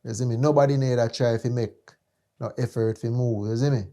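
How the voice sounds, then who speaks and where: A man's voice: mid-range voice, steady tone, fairly quick, warm tone. A man with a Jamaican accent hosting a casual chat in slangy, emphatic Patois. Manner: slangy, emphatic, repeating check-in phrases. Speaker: podcast host. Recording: music behind the voice.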